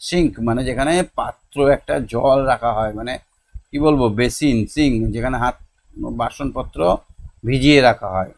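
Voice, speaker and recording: Patient man teaching young children. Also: mid-range voice. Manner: slow, patient counting and word-by-word pronunciation drills. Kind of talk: homework tutorial for young children.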